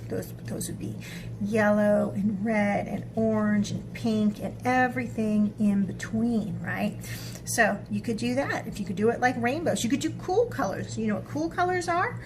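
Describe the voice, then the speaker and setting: At a moderate pace and medium pitch, a woman teaches children an art project step by step. She chats casually, thinks aloud, and uses little tag questions to check in, while background noise comes through clearly.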